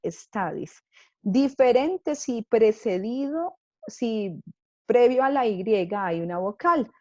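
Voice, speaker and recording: A woman's voice: on the high side, a little mellow, no echo, dull audio. A woman English teacher giving a grammar lesson, explaining patiently step by step and checking in with her students often.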